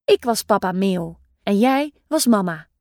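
A woman voicing a timid young boy who plays a father gull, speaking meekly in a lowered voice. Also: expressive, unhurried, a little mellow, no room sound, clean studio sound, close to an everyday voice.

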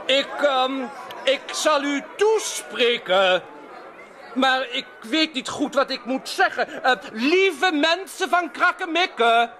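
A man's voice: mid-range voice, sharp tone, slight background noise. An actor playing a childlike, insecure young king in a children's audio drama, flustered, exclaiming and hesitant.

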